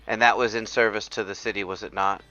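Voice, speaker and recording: A man playing a character in a tabletop game, rambling and halting with repeated words. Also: lowish voice, fairly even intonation, bright, forceful tone, soft background music. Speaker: player. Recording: dull lo-fi audio.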